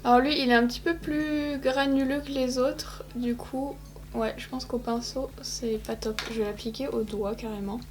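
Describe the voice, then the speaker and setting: A woman's voice: sits high, fairly even intonation, normal speed. A young woman talking viewers through her eye makeup in a casual, chatty way, poking fun at herself. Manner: chatty, self-mocking, addresses viewers directly. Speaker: beauty vlogger. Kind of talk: casual makeup tutorial talk.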